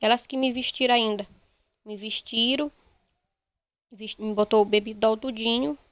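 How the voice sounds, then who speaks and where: A young woman, giving a halting, repetitive first-person account in a news interview. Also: on the high side, steady tone, no room sound. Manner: halting, repetitive retelling, quoting others. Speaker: interviewee, bereaved mother.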